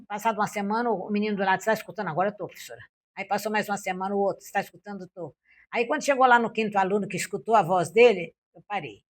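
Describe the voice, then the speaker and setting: An older woman from Brazil, a former school principal and Portuguese teacher, telling classroom stories in an interview and acting out her own and her pupils' lines. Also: medium pitch. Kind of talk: interview, recalling classroom experiences.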